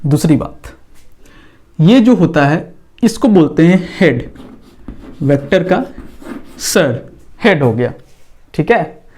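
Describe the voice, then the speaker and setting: A male physics teacher talks a class through a lesson in a high, easy voice. He draws on the board as he explains. He often pauses to check that everyone understands. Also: darkish tone. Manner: talks while drawing on a board.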